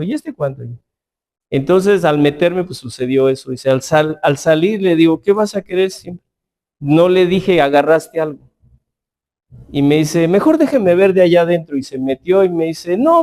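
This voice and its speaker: Bible class teacher, a man with a high voice, chatty and anecdotal. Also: moderate pace, mellow. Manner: conversational, tells anecdotes with quoted dialogue.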